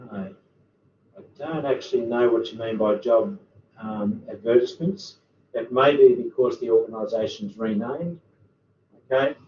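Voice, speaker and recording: A man's voice: mid-range voice, dark tone. A man, a university lecturer answering student questions in an online workshop, full of ums and uhs. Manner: halting, many ums and uhs. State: hiccups. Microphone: computer microphone on a video call. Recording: roomy, distant, dull, faint hiss.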